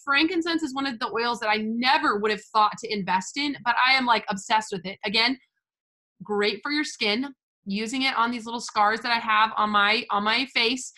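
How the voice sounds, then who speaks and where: A woman's voice: fairly high pitch, normal speed, bright, forceful tone. A young woman from the United States chatting casually as she walks through an essential oils kit, gushing and filling her talk with "like" and "literally". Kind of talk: casual product walkthrough.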